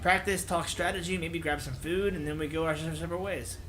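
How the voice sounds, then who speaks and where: A man with a slightly high, fairly bright voice hosts a let's play, reading a visual novel aloud at a brisk, steady clip and adding casual commentary. Background music plays, along with slight background noise.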